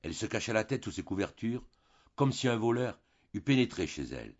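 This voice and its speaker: A man narrating a classic novel for an audiobook, reading in a slow, measured way. His voice is very low and husky. The recording sounds dull and lo-fi. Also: big pitch swings. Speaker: audiobook reader.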